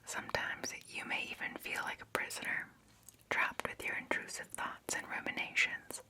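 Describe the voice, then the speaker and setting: Whispering close to the mic, a woman in her twenties gently soothes the listener as a roleplay therapist. The ASMR performer records in a cozy, small indoor space with the microphone just off camera.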